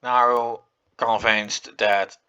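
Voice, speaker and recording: Bright-voiced man commenting on a game. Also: medium pitch, little pitch movement, extremely slow, smooth, muffled recording. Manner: reads game text aloud, chatty asides with fillers. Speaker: gameplay commentator. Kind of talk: let's play commentary.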